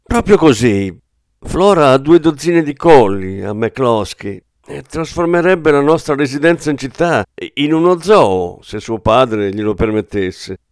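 A man's voice: mid-range voice, lively intonation, unhurried, smooth, no room sound, studio quality. A man reading an audiobook, voicing a complacent, thrifty old duchess who sounds pleased with herself.

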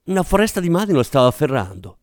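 A man reading a novel aloud as an audiobook narrator, expressive and dramatic. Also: a little high, fast, no echo, clean studio sound. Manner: expressive, dramatic, does character voices.

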